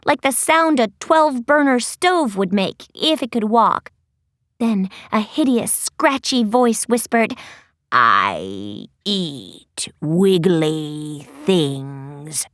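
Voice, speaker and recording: A woman narrating a children's fantasy audiobook in a playful, expressive storytelling manner. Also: fairly high pitch, unhurried, dry recording, studio quality.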